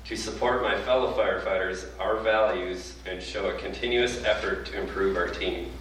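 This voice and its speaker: A man acting as a fire district training officer, speaking at a public board meeting. He reads an oath line by line for others to repeat, talking in a halting way with ums and restarts. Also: low voice, a bit bright. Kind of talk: formal ceremony address at a public board meeting. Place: large meeting room. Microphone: distant from the microphone. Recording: echoey room recorded from far off, with noise.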